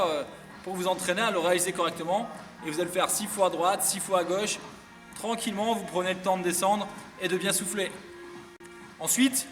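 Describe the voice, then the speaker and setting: A man leads a home workout as a fitness coach, instructing step by step and counting out repetitions as he demonstrates. His voice sits slightly high. He is picked up from a distance in a reverberant sports hall, with music playing behind him. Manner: instructive, counts reps while exercising.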